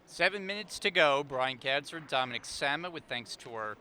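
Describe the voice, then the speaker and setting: A man in his thirties calling live basketball play-by-play, brisk and rising on big plays. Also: mid-range voice, lively intonation, bright, forceful tone. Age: 30s. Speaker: play-by-play commentator. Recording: noisy gym background.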